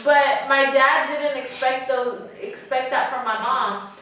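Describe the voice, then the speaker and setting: Young female podcast guest from Kenya, chatty, laughs often, high voice; very echoey room, distant mic. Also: fairly even intonation, slow pace, bright, forceful tone. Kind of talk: casual chat.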